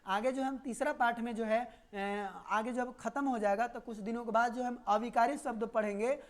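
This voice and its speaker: A woman's voice: on the high side, fairly even intonation, moderate pace. A woman teaching a live online grammar class, explaining with little memory stories and repeating key words.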